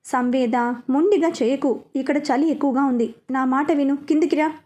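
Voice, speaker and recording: A woman reading the part of a calm, gently teasing young doctor who speaks softly and firmly. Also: high-pitched, normal speed, natural voice. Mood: coaxing.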